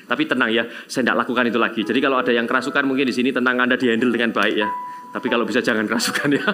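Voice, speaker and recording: A man preaching a sermon as pastor, telling stories with sudden loud exclamations and quiet asides. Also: mid-range voice, fairly even intonation, very fast, noisy background.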